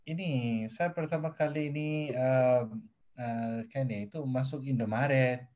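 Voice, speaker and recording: Young man, halting speech. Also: mid-range voice, steady tone, a little mellow. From Nepal. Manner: halting, hesitant, mixing in English phrases. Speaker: guest. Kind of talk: casual interview chat.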